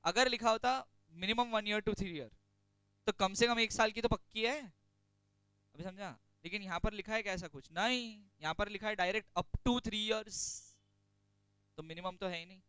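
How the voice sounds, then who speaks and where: A man teaches a class in a bright, high, crisp voice. He chats and jokes between points, then slows right down to dictate notes. The sound is close and dry. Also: no room sound, soft background music. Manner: chatty, joking asides, dictates slowly from notes. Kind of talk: classroom lecture on company law.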